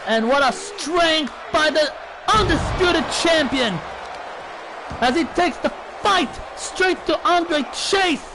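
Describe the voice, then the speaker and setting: Male wrestling commentator, very high-pitched, dramatic and shouting, on a noisy recording with a loud crowd. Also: animated, slow pace. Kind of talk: excited wrestling play-by-play commentary.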